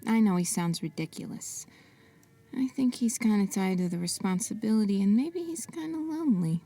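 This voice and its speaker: A woman's voice: medium pitch, lively intonation, normal speed, mellow, recorded from a distance. A woman narrating a fictional mystery as its protagonist, with wry, sarcastic asides. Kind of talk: scripted drama narration.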